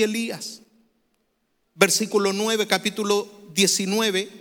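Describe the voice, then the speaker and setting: A man's voice: sits high, a bit bright. A man preaching a sermon to a congregation, asking them to repeat phrases after him. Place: church hall before a congregation. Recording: reverberant hall.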